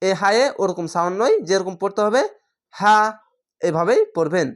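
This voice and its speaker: A woman from Bangladesh teaching a step-by-step Quran reading lesson, sounding out each letter slowly and louder, with plain explanations in between. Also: fairly low pitch, expressive. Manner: slow, drawn-out letter pronunciation between explanations; sounds the letters out louder and more drawn out than her explanations.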